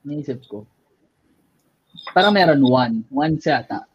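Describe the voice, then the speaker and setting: A man's voice: a little high, animated, slow pace, husky. A man co-hosting a podcast, talking candidly and hesitantly, often trailing off with fillers. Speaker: podcast co-host. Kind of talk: casual candid chat. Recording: dull lo-fi sound.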